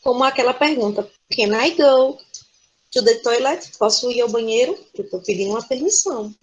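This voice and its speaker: Brazilian teacher lady on a video call, kinda high voice, says né a lot. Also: lively intonation, normal speed, lo-fi sound. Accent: Brazilian Portuguese. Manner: explains patiently, tags sentences with "né?". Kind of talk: remote class lecture.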